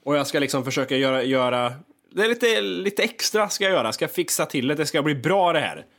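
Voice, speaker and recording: Animated, cursing Swedish-speaking man. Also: on the high side. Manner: animated, swears freely, acts out his own inner talk. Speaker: podcast co-host. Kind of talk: casual chat.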